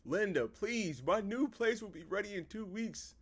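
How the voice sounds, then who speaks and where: A man's voice: high-pitched, lively intonation, moderate pace, voice pushed up. A man reading aloud the lines of a cold, dismissive husband in a game, delivered curtly.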